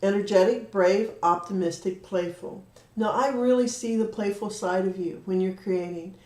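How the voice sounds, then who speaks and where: Speaking at normal speed in a mid-range, slightly mellow voice, a card reader and medium does an angel card reading on a livestream. The room is echoey, and she addresses a viewer directly with heartfelt earnestness.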